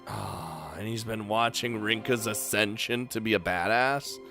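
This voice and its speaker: A man's voice: lowish voice, a little slow, faint music behind. Laughing man reading a game aloud. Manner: animated, laughs often, reacts loudly and jokes. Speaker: game streamer. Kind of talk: let's play, reading game text aloud with commentary.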